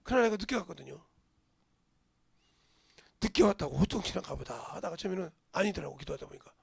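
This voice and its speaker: A middle-aged male pastor preaching a sermon in a church, dropping to whispers and bursting into shouts. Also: high-pitched, lively intonation, fast talker, gravelly, husky, no room sound, studio quality. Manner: swings from hushed whispers to sudden shouts. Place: church sanctuary.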